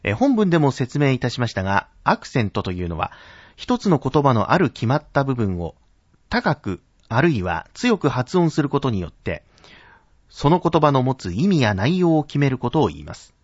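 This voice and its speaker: A man teaching announcers in a formal, polite lesson, enunciating example words slowly and carefully. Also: medium pitch, sing-song, dry recording. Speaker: announcing instructor. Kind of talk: scripted spoken lesson on pitch accent. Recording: dull, dry narrow-band recording.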